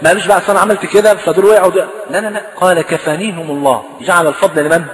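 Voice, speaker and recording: Rapid, high-voiced Egyptian preacher. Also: male voice. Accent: Egyptian Arabic. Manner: animated, acts out dialogue of the story. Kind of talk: storytelling sermon. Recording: long hall reverb.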